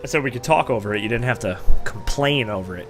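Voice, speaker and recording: A man's voice: medium pitch, animated, quick pace, music in the background. A man co-hosting a casual podcast, joking and teasing his partner. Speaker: co-host.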